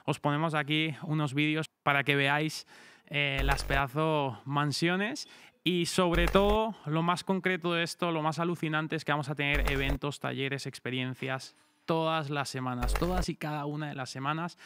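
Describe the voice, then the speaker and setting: A man's voice: fairly high pitch, fairly even intonation, normal speed, noisy background. An upbeat young man hosting an interview, introducing his guest and asking questions with enthusiasm. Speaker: interview host. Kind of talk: podcast interview.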